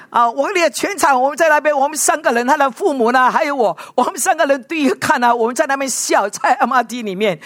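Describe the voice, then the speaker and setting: A woman preaching a sermon in an animated way, often checking with her listeners through rhetorical questions and dropping in English words. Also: high voice, dry recording, studio quality.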